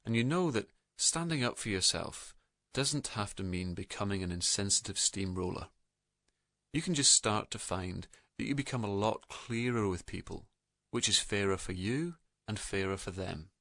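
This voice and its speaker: A man with a fairly low voice narrates a guided meditation, calm, gentle and soothing, with unhurried pauses between soft phrases. The recording has clean studio sound and no echo.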